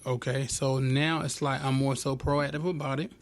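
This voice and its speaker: A man's voice: mid-range voice, steady tone, normal speed. A man chatting casually and colloquially in a group discussion. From small town in Georgia, US. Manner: conversational, colloquial.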